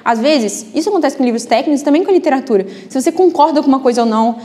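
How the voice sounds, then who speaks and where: A woman's voice: sits high, animated, racing, mellow. A woman teaching a live book club class in a chatty way, often adding tag questions. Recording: reverberant classroom.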